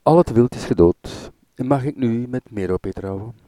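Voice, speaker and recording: A man voicing a brash young male hunter who talks loudly and insistently in a raised voice. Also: unhurried, no echo, natural voice. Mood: demanding. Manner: loud, insistent, raised pitch.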